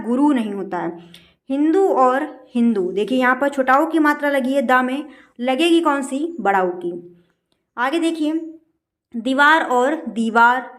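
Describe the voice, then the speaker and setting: A woman with a high-pitched voice teaches a spelling lesson for exam preparation. She goes through each word patiently and sinks her voice on the correct answer. It is a close voice-over. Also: fairly bright tone.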